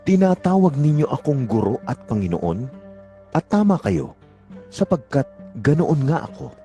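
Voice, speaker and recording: An actor playing Jesus as a solemn, authoritative teacher in an audio Bible drama, speaking earnestly and deliberately. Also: male voice, medium pitch, big pitch swings, warm tone, soft background music. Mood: earnest teaching. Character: Jesus, solemn, authoritative male teacher addressing his disciples.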